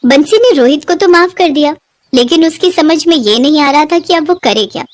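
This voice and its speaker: A woman narrating a scripted children's story. Her fairly high voice is clear and expressive, with steady storytelling. The recording is close and very dry. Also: moderate pace, dry recording.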